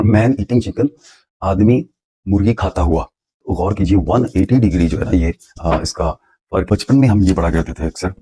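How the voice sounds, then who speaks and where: Male teacher, deep voice, husky, mellow tone, patient explanatory grammar lecture. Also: moderate pace. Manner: patient, explanatory, repeats points for emphasis.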